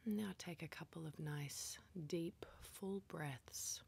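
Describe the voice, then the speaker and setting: Her voice is soft, low, and breathy, almost a whisper, as she leads a meditation session with unhurried, gentle guidance broken up by pauses.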